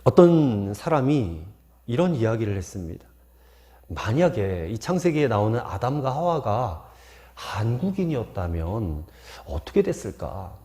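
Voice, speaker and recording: A male pastor delivers a sermon in a mellow, warm tone. His pitch rises and falls in animated swings as he asks rhetorical questions. He slips into folksy anecdotes to make his points. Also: unhurried. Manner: poses rhetorical questions to the congregation.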